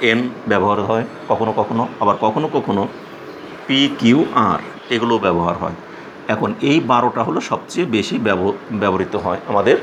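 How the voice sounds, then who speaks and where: A man teaching a math class for young students, explaining step by step with many repeats, small pauses and check-in questions. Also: fairly low pitch, background noise. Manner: patient, repetitive explaining with frequent fillers and questions.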